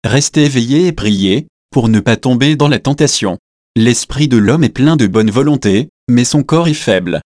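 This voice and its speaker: A man reading the words of Jesus, a calm grown man facing death, in a slow, solemn scripture reading. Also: medium pitch, no echo, clean studio sound, close to an everyday voice.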